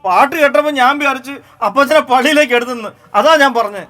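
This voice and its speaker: A two-faced son, acted by a young man, making slick, fawning excuses in a very high, bright voice. It is a stage comedy drama. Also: quick pace, soft background music. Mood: excusing. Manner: fawning, self-justifying. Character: hypocritical son, feigned grief.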